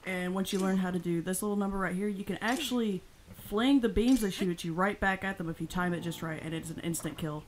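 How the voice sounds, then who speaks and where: A woman's voice: medium pitch, fast talker, slight background noise, rough recording. A woman hosting a casual let's-play, chatting and explaining game tips, often laughing and reading game dialogue aloud. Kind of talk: casual gameplay commentary.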